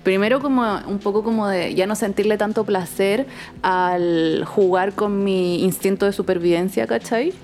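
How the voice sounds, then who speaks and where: A woman's voice: medium pitch, moderate pace. Slangy Chilean woman telling stories. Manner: slangy, animated storytelling with frequent laughter. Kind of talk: casual chat.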